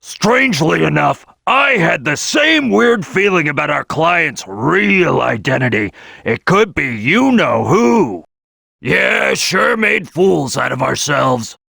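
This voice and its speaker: A brash crocodile detective from a cartoonish video game. The voice is high for a male and swings wildly up and down. It is bossy, cocky and streetwise, with a forceful bark. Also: big pitch swings, slow, vocal fry, dry recording, studio quality, heavily acted. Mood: sly, businesslike. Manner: boisterous, cocky, streetwise, barking. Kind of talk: animated video game character acting.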